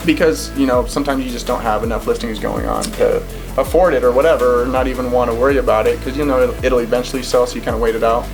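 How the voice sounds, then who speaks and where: A man's voice: medium pitch, steady tone, fast, over music. A man in his twenties hosting a casual podcast interview, chatty and full of fillers. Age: 20s. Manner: chatty, many fillers like "like" and "yeah". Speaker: podcast host.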